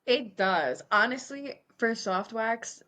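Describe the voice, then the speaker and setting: A woman's voice: on the high side, takes it slowly. A woman co-hosting a podcast who works as a waxer, chatting casually and telling stories candidly between frequent giggles. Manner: giggly, candid, animated storytelling. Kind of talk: casual chat.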